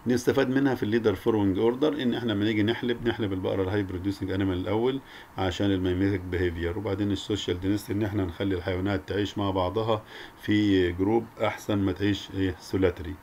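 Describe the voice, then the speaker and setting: A man's voice: lowish voice, steady tone, rapid-fire, darkish tone, a little hiss or hum. A man with an Egyptian Arabic accent giving a recorded academic lecture, peppering his speech with English technical terms. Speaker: veterinary lecture presenter.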